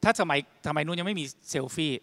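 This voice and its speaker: A middle-aged man gives a storytelling talk on leadership, casual and slangy, and he acts out the lines he quotes. His voice sits a little high for a man. A long hall reverb trails after each phrase. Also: fast talker, sharp tone. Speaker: speaker giving a talk.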